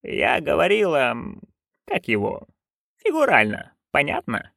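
A male reader voicing a proud, stern old witch woman who speaks low and clipped. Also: big pitch swings, unhurried, gravelly, fairly bright tone, no echo, clean studio sound, heavily acted. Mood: subdued.

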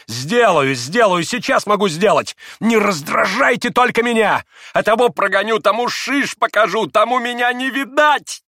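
A man voicing a proud, wild young woman who speaks in impassioned, shrill outbursts. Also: expressive, unhurried, no room sound, studio quality. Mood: frenzied.

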